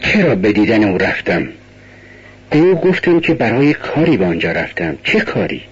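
Radio-play role: a man playing a feverish, guilt-torn young man, husky, on a dull lo-fi recording. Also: lowish voice, very animated, heavily acted. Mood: brooding. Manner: agitated, bitter outbursts.

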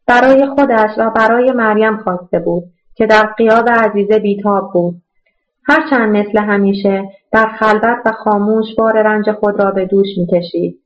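A woman narrating an audiobook in a steady, measured reading voice. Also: medium pitch, muffled recording. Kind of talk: scripted narration.

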